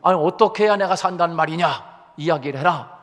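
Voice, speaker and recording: A male pastor voicing an ailing lion king who scolds loudly and booms, in a fable told during a sermon. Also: brisk, long reverb tail, lightly acted. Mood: eager. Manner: booming, scolding. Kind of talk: sermon storytelling.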